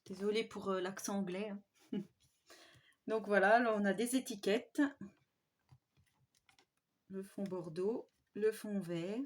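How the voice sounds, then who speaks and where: A woman vlogger doing a casual show-and-tell of scrapbooking papers, speaking softly and admiringly with frequent hesitations. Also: mid-range voice, fairly even intonation, slow, long pauses. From France. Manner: soft-spoken, admiring, with frequent fillers.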